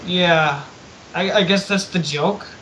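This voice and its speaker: A man's voice: high voice, fairly bright tone, slight background noise, poor audio. A young man on a live stream, chatting casually and swearing freely, with frequent restarts. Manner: loose, profane, halting restarts. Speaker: co-host.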